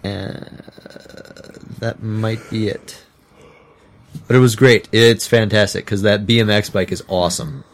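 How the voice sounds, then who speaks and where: A man co-hosting a casual podcast, talking eagerly about video games with quick comebacks. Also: on the low side, fairly even intonation. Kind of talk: casual chat and game talk.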